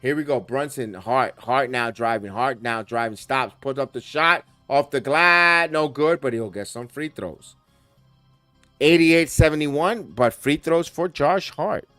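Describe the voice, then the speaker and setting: A man's voice: mid-range voice, bright, forceful tone, dry recording, soft background music. Man calling live play-by-play. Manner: rapid play-by-play calls that rise and push on big plays, talks to chat viewers by name. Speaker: host and play-by-play caller. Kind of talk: live watch-along play-by-play commentary.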